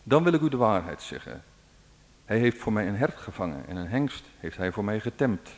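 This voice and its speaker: A man's voice: fairly low pitch, animated, a little fast, long reverb tail. A man voicing a stern queen of the north. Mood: imperious.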